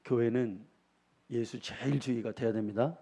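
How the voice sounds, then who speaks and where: A man's voice: medium pitch, steady tone, normal speed, mellow, breathy edge. A middle-aged man, preaching a sermon as pastor, telling homely stories and often asking the congregation questions. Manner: folksy storytelling, asks the congregation questions.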